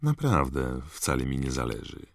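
A man's voice: very deep voice, wildly swooping pitch, normal speed, vocal fry, no echo, clean studio sound, exaggerated voice. A man voicing a reserved teenage boy who answers curtly and mutters. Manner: curt, muttering.

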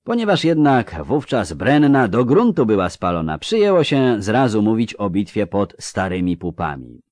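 A man reading a fantasy novel aloud in a measured, dramatic way. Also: fairly low pitch, big pitch swings, a little mellow, no echo. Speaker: audiobook narrator. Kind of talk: scripted literary narration.

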